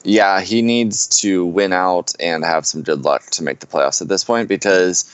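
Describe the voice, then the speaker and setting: A man co-hosting a casual podcast chat, explaining things in a measured way and often saying "you know". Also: sits low, clean tone, no echo. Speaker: fantasy football podcast co-host.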